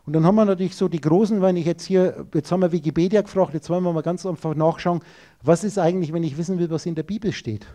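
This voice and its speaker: A man holds forth in a lecture, firing rhetorical questions straight at his listeners. His voice sits high for a man yet sounds mellow and soft-edged. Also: fast. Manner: emphatic, rhetorical, addresses listeners directly. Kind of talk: esoteric lecture to an audience.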